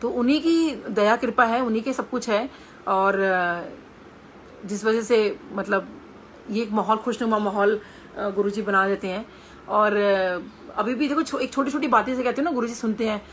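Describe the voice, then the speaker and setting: A woman's voice: medium pitch, normal speed, a little hiss or hum. A middle-aged woman with an Indian Hindi accent, giving a devotional satsang talk full of personal stories, speaking earnestly with conversational hesitations.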